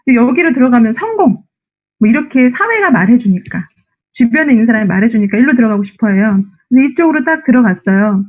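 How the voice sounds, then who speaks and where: A young adult woman giving a motivational lecture, animated and often asking the audience rhetorical questions. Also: fairly high pitch, quick pace, lo-fi sound. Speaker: speech instructor giving a lecture.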